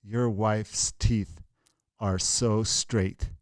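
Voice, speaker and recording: A man's voice: on the low side, steady tone, very slow, a little mellow, no echo. Joking man co-hosting a podcast, dry sound. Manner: joking, teasing, puts on silly voices. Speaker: podcast co-host. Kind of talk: casual chat.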